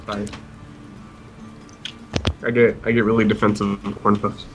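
A man's voice: lowish voice, flat delivery, normal speed, highs cut off, soft background music. A young man teasing his friends with crude jokes while gaming. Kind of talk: casual gaming chat.

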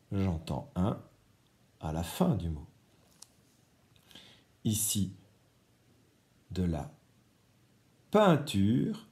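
A man leads a children's reading lesson, patiently leaning on each key word. He speaks slowly and calmly in a fairly low voice. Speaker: teacher.

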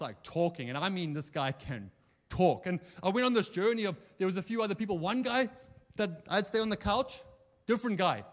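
Male preacher, high voice, animated storyteller, long church echo. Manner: animated anecdote-telling, acting out quoted dialogue. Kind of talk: sermon storytelling. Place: church hall.

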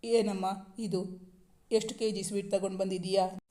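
A man voicing a tender young husband and new father in a storybook romance, in an even storytelling tone. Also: sits high, normal speed, close to an everyday voice. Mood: fond.

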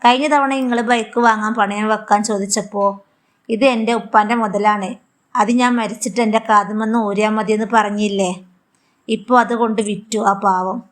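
A woman's voice: medium pitch, steady tone, moderate pace, close to an everyday voice. Woman reading a caring daughter-in-law, earnest and reproachful, Malabar accent, storybook. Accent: Malabar Malayalam. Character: kind, firm young daughter-in-law.

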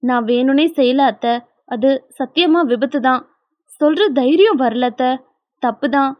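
A woman's voice: high-pitched, unhurried, no room sound, highs cut off. Woman voicing an apologetic young man. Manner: apologetic and earnest.

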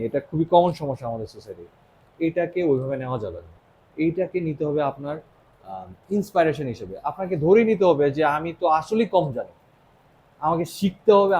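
A man's voice: fairly high pitch, darkish tone, a little hiss or hum, low-quality recording. A young man from Bangladesh with a Bangladeshi accent, giving a casual motivational English lesson and often asking "right?". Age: young adult. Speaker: English teacher.

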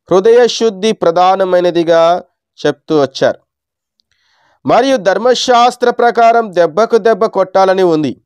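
Man from India, preacher, Sunday sermon, high voice, dry close sound. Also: a little mellow, clean tone, no echo. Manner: measured teaching tone with rhetorical questions.

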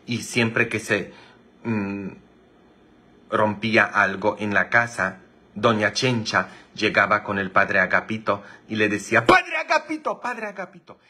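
A man's voice: fairly low pitch, bright, forceful tone, husky. A priest telling jokes on a livestream, teasing and quizzing his viewers. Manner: teasing, chatty, asks viewers many questions. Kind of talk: joke-telling livestream chat.

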